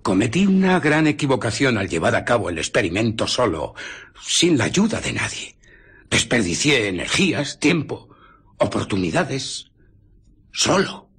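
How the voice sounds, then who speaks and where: In a Spanish radio drama, an actor with a Castilian accent plays an embittered, menacing invisible scientist, his husky breath and intense, halting emphasis dropping into whispers. The male voice is medium-pitched, very animated and fairly bright, heavily acted. The mood is brooding and intense.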